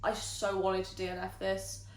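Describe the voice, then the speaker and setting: Young female book vlogger, casual and emphatic, medium pitch, recorded in a bare, echo-heavy room. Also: monotone, normal speed, creaky, slight background noise. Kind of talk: casual chatty monthly reading review. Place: home library room with bare surfaces. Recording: echoey unfurnished room.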